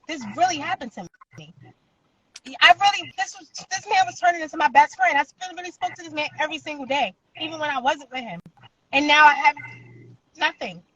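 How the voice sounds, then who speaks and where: A woman's voice: high-pitched, fairly quick, bright, forceful tone, dry recording, lo-fi sound. A woman guest on a live talk show, crying as she tells an earnest personal story with insistent emphasis.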